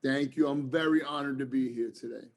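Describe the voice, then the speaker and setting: A man with a mid-range, steady, brisk voice, a New Jersey ex-police officer now working as an author, appears as a podcast guest. In this casual interview chat he's earnest and a little rambling, with frequent fillers.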